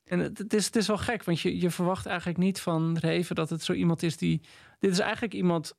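Gravelly man, thoughtful. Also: sits high, fairly even intonation, fast talker, no echo, clean studio sound. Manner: reflective, thinking aloud with hesitations. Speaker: podcast co-host. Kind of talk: casual literary chat.

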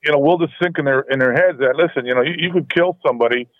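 A man calling in to a radio show over the phone, rambling and halting as he repeats words. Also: on the high side, no echo. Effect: heard over the phone. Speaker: radio caller. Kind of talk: call-in radio chat. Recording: tinny phone line.

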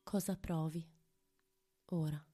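A woman guides a meditation very slowly, speaking softly as if right in your ear. Her voice is mellow and on the low side. She leaves long pauses between short, intimate phrases. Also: fairly even intonation, faint music behind. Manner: hushed, intimate, close to the ear. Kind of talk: guided meditation, slow and soothing.

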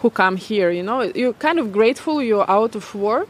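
A woman from Belarus with a Belarusian accent, answering reflectively in an interview and often pausing to search for her English words. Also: a little high, lively intonation. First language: not English.

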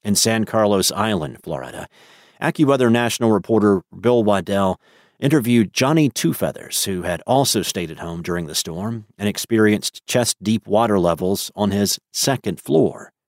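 A man reading a scripted daily weather news story in a measured, even way. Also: lowish voice, dry recording, studio quality. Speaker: news narrator.

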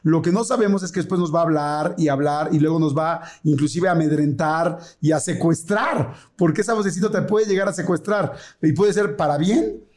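A Mexican man co-hosting a podcast, explaining things in a relaxed, friendly, conversational way. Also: a little high, brisk, hardly any pauses. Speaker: podcast co-host. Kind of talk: casual chat.

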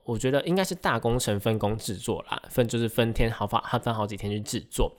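A male podcast host talks casually and at length, often pausing to hesitate and correct himself. His pitch jumps around a lot, which gives the explanations an animated, conversational feel. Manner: chatty, rambling, frequent hesitations and self-corrections.

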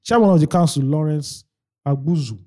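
A young man with a Nigerian accent talks at a quick clip in a slightly husky voice. He co-hosts a casual podcast, jumping between Pidgin and English and breaking off for news readings. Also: on the high side. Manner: fast, animated, mixes Pidgin and English, reads news aloud. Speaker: podcast co-host. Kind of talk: casual banter with news segments.

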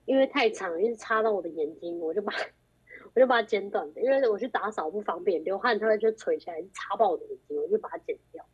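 A husky, medium-pitched woman's voice talks fast as a young guest shares a story over a group phone call. She animatedly performs the quoted dialogue, all captured in muffled, lo-fi call audio.

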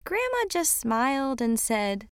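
Animated woman narrating a diary. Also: high voice, takes it slowly, clear, resonant tone, dry recording. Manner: sarcastic, dramatic teen diary voice. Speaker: audiobook narrator. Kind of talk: first-person diary narration.

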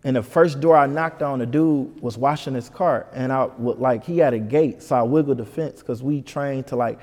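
A man telling a story as an interview guest, animated and full of "you know what I'm saying.". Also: medium pitch, moderate pace, big-room sound. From Detroit. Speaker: comedian guest.

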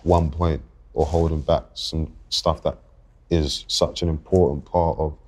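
A man in his twenties with a London accent, a guest on a podcast interview, talking reflectively and haltingly and often restarting his thoughts. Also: very deep voice, fairly even intonation, a little mellow, husky. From England. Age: 20s. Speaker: guest rapper.

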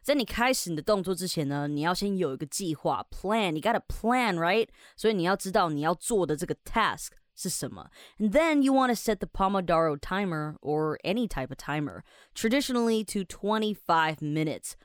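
A woman's voice: lowish voice, animated, normal speed, hardly any pauses, no echo, clean studio sound. A woman from Taiwan with a Taiwanese Mandarin accent, hosting a podcast English lesson. She reads English lines aloud, then explains them in chatty Mandarin. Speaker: English teacher and podcast host.

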